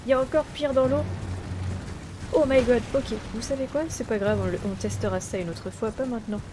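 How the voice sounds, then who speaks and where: Chatty higher-voiced woman gaming. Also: fast, background noise. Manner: chatty, exclaims often, talks to viewers and to game characters. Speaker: gaming streamer. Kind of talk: casual let's play commentary. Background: game music.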